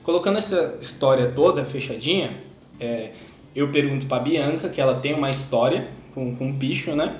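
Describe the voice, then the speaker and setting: A man's voice: mid-range voice, normal speed, a little mellow, slight background noise. A man hosting a casual discussion, telling stories with frequent hesitations. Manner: rambling storyteller, often hesitates. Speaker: podcast host. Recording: roomy echo, faint music.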